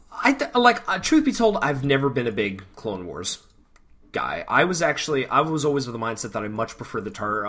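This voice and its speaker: A man's voice: medium pitch, fairly bright tone. A man co-hosting a podcast in casual chat, rambling with many ums. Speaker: podcast co-host.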